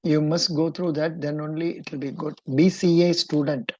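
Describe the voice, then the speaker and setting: Her intonation fairly even and her speed normal, a female interview coach talks in a low, mellow voice shaped by a Kannada-influenced Indian English accent. She encourages while probing and instructs as she goes, all captured in dull, lo-fi audio.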